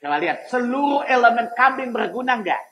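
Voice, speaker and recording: A man's voice: very high-pitched, big pitch swings, a little fast, a bit bright, low-quality recording. A male preacher teaching a sermon lesson in a mosque, joking and asking his listeners questions as he goes. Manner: joking, asks the audience questions.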